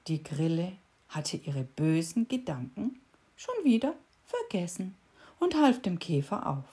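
Female storyteller: slow, lively read-aloud for children. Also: on the low side.

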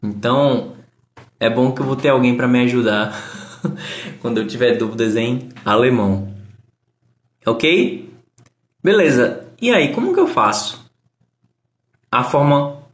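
A man's voice: mid-range voice, roomy sound. A man giving a casual live-stream English lesson, answering chat comments and explaining grammar patiently.

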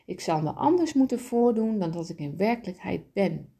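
A woman voicing a kind, loving, wise soul who explains things gently and patiently. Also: mid-range voice, expressive, normal speed, gravelly, husky. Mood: gentle.

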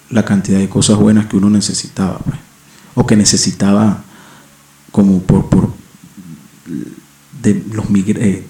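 A Venezuelan man talks on in a loose, slangy, profane monologue, often breaking off and starting over. His voice sits low, dark and gravelly. It is recorded on a home mic in a roomy, echoey space. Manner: rambling, slangy and profane, with many restarts. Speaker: podcast host. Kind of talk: casual monologue. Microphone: home microphone setup.

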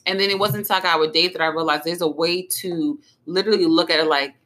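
A young woman hosts her podcast in loose, easy chat. She is blunt and lively and swears freely. Her voice is bright but sits a little low. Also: fast talker. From Trenton, New Jersey. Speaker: podcast host. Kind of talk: casual chat.

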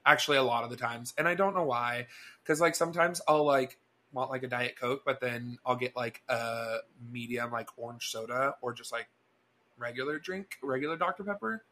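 Young guy on a podcast, bright lively voice, telling a story and doing the other people's lines. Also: medium pitch, moderate pace, slight background noise. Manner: animated, chatty, acts out dialogue. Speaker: podcast co-host. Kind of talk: casual storytelling chat.

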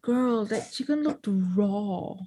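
A woman's voice: medium pitch, breathy edge. Chatty young woman with a lisp. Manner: chatty and expressive, quick asides. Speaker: podcast host. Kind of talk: casual chat.

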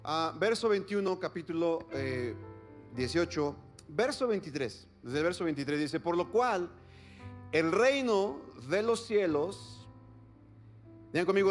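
A male pastor preaching a sermon, reading scripture aloud and putting questions to his congregation. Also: high-pitched. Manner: reads scripture then asks the congregation questions.

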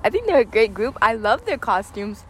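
A woman's voice: fairly high pitch, big pitch swings, normal speed. A teenage girl chatting casually in a mock-earnest, ironic way. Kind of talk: casual joking chat. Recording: noisy outdoor, vehicle ambience.

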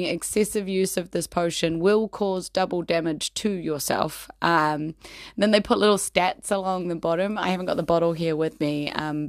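A New Zealand woman in her thirties talks in a low, croaky voice full of fry. She is hoarse and rambles casually as a host chatting to her followers. The sound is dry, with very little room in it. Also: no echo. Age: 30s. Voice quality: croaky, gravelly. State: hoarse, voice nearly gone from partying. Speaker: host of a personal episodic show.

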